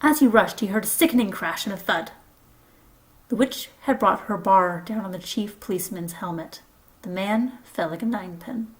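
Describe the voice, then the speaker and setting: A woman reading a children's novel aloud, expressive and lively. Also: medium pitch, normal speed, low-quality recording. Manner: expressive, does voices for characters. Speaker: storybook reader.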